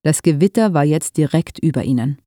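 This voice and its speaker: A narrator reading a novel aloud in a steady, measured storytelling manner. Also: mid-range voice, no echo, clean studio sound. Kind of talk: scripted audiobook narration.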